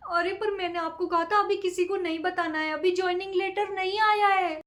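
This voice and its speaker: A woman's voice: very high voice, steady tone, moderate pace, fairly bright tone. A young woman playing a newly hired daughter who pleads and protests in a comic family sketch. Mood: exasperated. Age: young adult.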